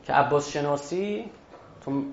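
A man preaching a religious sermon at a mourning gathering, moving between hushed storytelling and loud, emphatic exhortation. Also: fairly high pitch, creaky, a little hiss or hum. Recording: echoey dull hall recording.

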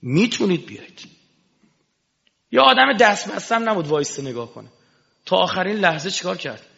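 A man giving an impassioned sermon, dropping to a hush and then rising to shouting. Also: high-pitched, big pitch swings, gravelly. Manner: impassioned, swings between hushed and shouting. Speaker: religious preacher. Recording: echoey hall, dull lo-fi sound.

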